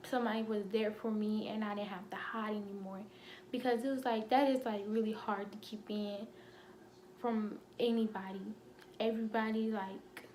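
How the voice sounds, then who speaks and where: Young woman, teary confessional vlog, flat tone, faint hiss behind. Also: a little high. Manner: halting, many fillers and restarts. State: holding back tears. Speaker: vlogger. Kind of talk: emotional personal story.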